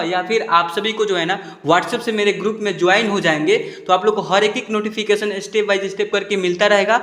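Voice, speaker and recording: Male teacher, patient and repetitive, higher-pitched voice, roomy reverberant sound. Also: a bit bright. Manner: patient, repeats words slowly and checks understanding. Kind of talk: blackboard spelling lesson.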